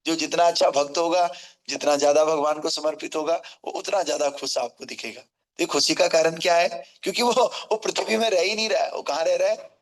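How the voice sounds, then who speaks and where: A man's voice: on the high side, fairly even intonation, brisk, low-quality recording. A man giving a scripture lecture, slipping English words into his preaching, asking rhetorical questions and checking that his listeners follow. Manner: acts out quoted family scolding.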